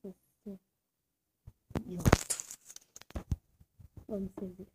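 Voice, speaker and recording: A young girl hosting her own video and acting out a doll story, switching between squealing character voices and hushed whispered asides. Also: mid-range voice, flat delivery, extremely slow, background noise. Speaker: YouTube host and doll-play storyteller. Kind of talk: doll role-play acting out all the characters.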